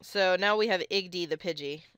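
A woman giving chatty, excitable commentary on her own gameplay into a close mic, with sudden squeals when something catches her eye. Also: fairly low pitch, brisk, smooth, no echo. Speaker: let's play gamer.

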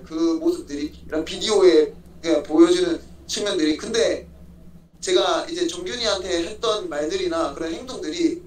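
Young male fighter, interviewee. High voice, polite and halting, repeats himself. Echoey, distant phone audio. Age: young adult. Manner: polite, halting, often repeats his own phrases. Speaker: MMA fighter being interviewed. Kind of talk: casual remote interview answers. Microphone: phone at arm's length, video call. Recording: echoey room, far-off mic, faint noise.

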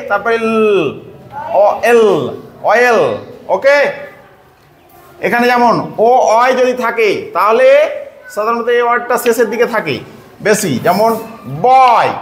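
A man teaching a phonics lesson to pupils, patiently repeating sounds slowly and quizzing them. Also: very high-pitched, fairly bright tone. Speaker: English teacher. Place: echoey classroom with pupils. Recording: echoey room, faint background noise.

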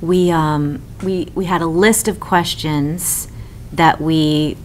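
A woman with a low, even voice speaks at a committee meeting and lays out procedure step by step. She is picked up by table mics in a conference room with a faint hum behind her. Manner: measured, explains procedure step by step. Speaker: city council member on a committee.

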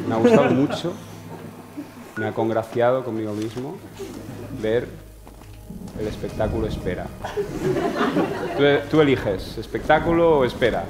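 Over loud crowd laughter and ambience in an echoey live venue, a comedian improvises an absurd, rambling monologue. His voice is mid-range, he swears often and keeps trailing off into restarts, and the recording is very noisy.

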